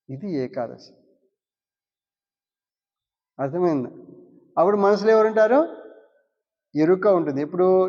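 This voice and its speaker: A man's voice: high-pitched, darkish tone. A man giving a spiritual discourse. He asks the listeners questions and answers them himself, repeating key words. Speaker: spiritual teacher. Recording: dull, lo-fi recording in a long-reverb hall.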